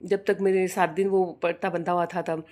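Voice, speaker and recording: An older woman vlogging in casual chat, telling fond stories about her granddaughter and raising her pitch to imitate the child. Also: flat delivery, moderate pace, a little mellow.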